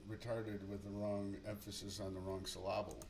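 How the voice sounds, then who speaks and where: A man's voice: fairly low pitch, little pitch movement, moderate pace, vocal fry, a little mellow, slight background noise. A man giving profane, mumbling running commentary on his live trading stream. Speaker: livestream day trader.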